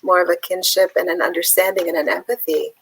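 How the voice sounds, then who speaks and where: A woman from Palestine, a poet, talking thoughtfully with pauses and fillers, then reading her own poem aloud. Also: fairly low pitch, flat delivery, creaky, a bit bright, poor audio. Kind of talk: conversation and poetry reading.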